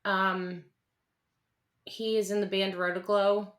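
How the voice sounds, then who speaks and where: A woman in her thirties, a country singer-songwriter, speaking earnestly and haltingly as an interview guest, with many restarts. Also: mid-range voice, little pitch movement, fairly bright tone. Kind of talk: candid interview conversation.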